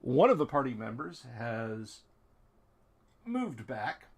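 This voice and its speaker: A man running a tabletop role-playing game as dungeon master, narrating in an unhurried way with plenty of ums and uhs. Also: mid-range voice, sing-song, slightly rough.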